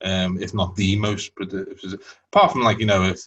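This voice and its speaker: A man's voice: low voice, steady tone, moderate pace, fairly bright tone, highs cut off. A man, co-hosting a podcast and asking loose, chatty questions. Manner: chatty, loose, full of fillers. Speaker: podcast co-host. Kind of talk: casual interview questions.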